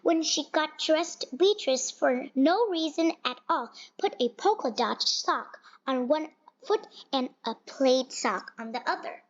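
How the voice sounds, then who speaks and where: At a measured pace, a high-pitched woman reads a children's storybook aloud with expressive delivery, marked by minor slips and a few repeated words. The audio is lo-fi and dull.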